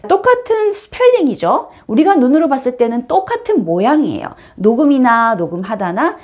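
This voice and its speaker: A woman's voice: high voice, very animated, fairly quick, a little mellow. A woman teaching an online English lesson. She talks straight to her viewers with an emphatic, teacherly manner.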